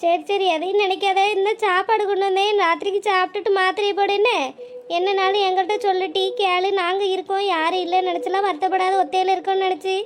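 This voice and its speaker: A woman's voice: very high voice, little pitch movement, a little hiss or hum. A woman doing a bossy, caring village auntie. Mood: concerned. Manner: brisk, consoling, calls out loudly. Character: caring, scolding middle-aged village woman Ruku.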